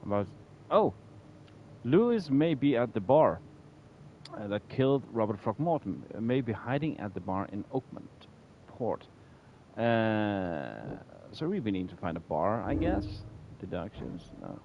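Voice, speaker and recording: Low-voiced man livestreaming a game casually. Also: very animated, unhurried, highs cut off, a little hiss or hum. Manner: chummy, repeats phrases. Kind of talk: casual live game commentary with chat.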